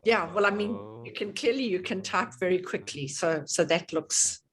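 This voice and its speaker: Her voice is on the low side and moves at a moderate pace. As a chatty workshop host with a South African accent, this middle-aged woman runs an online session by video call, often using fillers and starting over.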